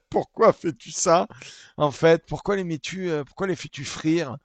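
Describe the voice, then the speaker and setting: A man hosting comedic reaction commentary, mocking and excitable, swearing freely. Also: a little high, normal speed, dry recording. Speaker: host reacting to a video.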